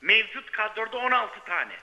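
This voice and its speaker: High-pitched, sharp-voiced male phone-in caller. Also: sing-song, moderate pace, vocal fry. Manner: insistent, argumentative, repeats points emphatically. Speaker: sports writer phoning in to a TV sports show. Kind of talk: live phone-in sports commentary, like a radio show caller. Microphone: telephone. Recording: muffled, band-limited live telephone line.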